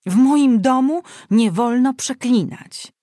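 A woman reading aloud, voicing a fussy, scolding older aunt who talks in an excitable, bossy way. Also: high-pitched, slow pace, no room sound, clean studio sound, pitched above the performer's own voice. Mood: excited scolding.

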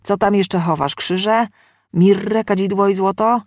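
A boastful, long-winded male demon, as a woman reader puts him on, mocking and indignant by turns, with a gravelly edge to the voice. He is a sarcastic windbag, read close and dry with no room around him. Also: rumbling low, moderate pace, dry recording. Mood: taunting.

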